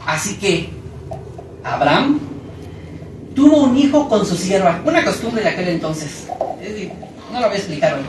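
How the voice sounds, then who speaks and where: Pastor, animated storyteller, mic at a distance in a reverberant church hall with faint hiss. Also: medium pitch, moderate pace, pauses often. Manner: storytelling with acted-out quotes and humor. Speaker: preacher. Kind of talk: sermon.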